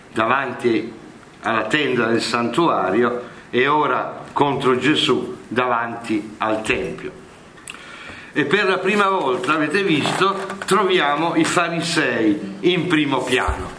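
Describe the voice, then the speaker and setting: A man teaching a lesson of scripture commentary, explaining in a measured way and often checking in with a rhetorical "no?" or "eh?". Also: mid-range voice, pushed and bright, slight background noise. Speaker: Bible teacher. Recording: echoey room.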